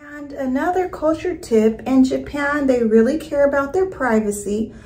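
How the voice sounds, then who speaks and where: A woman's voice: high-pitched, normal speed, a little mellow. A middle-aged woman vlogging in a bubbly, chatty way to viewers, filming herself with a phone at arm's length inside a small public restroom. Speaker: travel and food vlogger. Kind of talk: upbeat travel vlog to camera. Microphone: phone held at arm's length.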